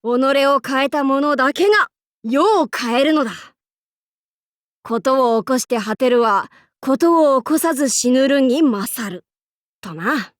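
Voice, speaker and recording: In clean studio audio with no room sound, a woman with a high voice plays a bold, androgynous young demon-king warlord in anime game voice lines. The character boasts in archaic, lordly speech with playful swagger, sounding proud and resolute.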